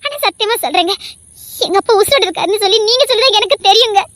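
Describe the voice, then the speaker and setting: A woman's voice: very high-pitched, animated, very fast, sharp tone, dry recording, heavily acted. A woman voicing a fiercely devoted young wife who pleads in a tearful, vehement way. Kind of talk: dramatic audio story acting.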